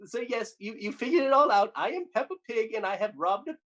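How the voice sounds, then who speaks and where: A smug young girl cartoon pig, as a performer puts her on, fielding questions with rambling, self-important bluster. The voice sits in a middling pitch with a faint hiss in the background. She keeps stalling on filler words and starting her sentences over. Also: expressive, quick pace, a bit bright, highs cut off, lightly acted. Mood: giddy. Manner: bluffing, rambling, full of ums and restarts. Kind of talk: improvised mock press conference.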